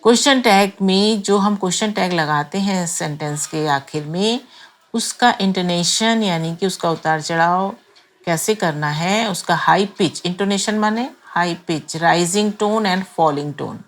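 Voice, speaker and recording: A woman teaching grammar in a slow, deliberate way, spelling out words and repeating examples so every step lands. Her voice sits a little low and unhurried. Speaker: English teacher. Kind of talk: explaining grammar lesson.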